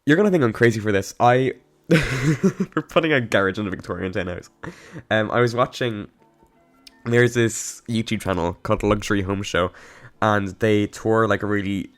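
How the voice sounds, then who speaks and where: A man with a hoarse, coughing voice gives a casual, rambling voice-over about a game build, with lots of ums, restarts and giggles. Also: on the low side. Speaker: game builder narrating a speedbuild. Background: faint background music.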